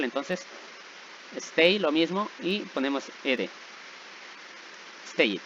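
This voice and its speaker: A man with a fairly high-pitched, sharp-toned, mid-range voice teaches English grammar patiently, checking in with listeners after each step using "¿verdad?" and "¿sí?". The recording is a little dull, with a faint hiss underneath.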